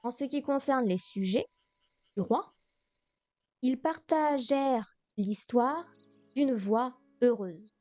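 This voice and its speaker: A woman's voice: sits high, takes it slowly, pauses often, warm tone, dry recording. A woman teaching a beginner language class on a livestream, thinking aloud with lots of fillers. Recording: dull lo-fi stream audio, faint music.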